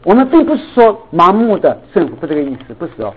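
A middle-aged man preaching a sermon, telling a family story in an animated way and mixing English words into his talk. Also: high-pitched, quick pace, slightly rough. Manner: animated, acts out dialogue, mixes in English words. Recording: tinny phone-like sound.

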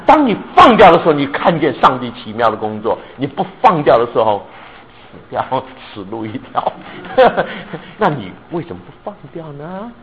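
Male pastor, animated sermon storyteller, slightly raised pitch, drops in English words. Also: moderate pace, dull audio. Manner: animated, often checks if listeners understand; mixes English words into his speech.

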